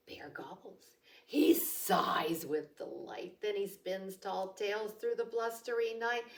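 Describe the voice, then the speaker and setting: A woman librarian reading a bedtime picture book expressively, with gasps and whispers, recorded from a distant mic. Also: mid-range voice. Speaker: children's librarian.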